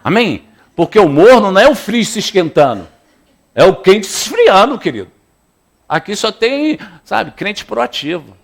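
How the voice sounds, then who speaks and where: Lively, high-voiced Rio pastor. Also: male voice, unhurried, creaky. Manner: lively, playful preaching with audience call-and-response. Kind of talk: sermon. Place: church.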